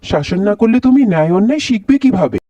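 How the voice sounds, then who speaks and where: A man voicing a gentle, patient cartoon father with a mild, coaxing manner. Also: high voice, sing-song, fast, no room sound, muffled recording. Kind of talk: cartoon voice acting.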